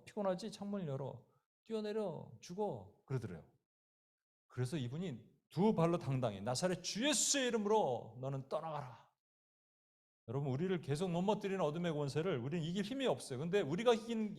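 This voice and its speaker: Man, pastor, sermon, lively swooping delivery, slightly high voice, acts out quoted voices. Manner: animated storytelling, acting out voices in quotes; direct, addresses listeners and a child by name.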